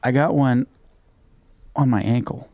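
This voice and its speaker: Man in his thirties, gravelly voice, dry close sound, laid-back casual chat. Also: medium pitch, steady tone, measured pace, dark tone, no echo. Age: 30s. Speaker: podcast co-host.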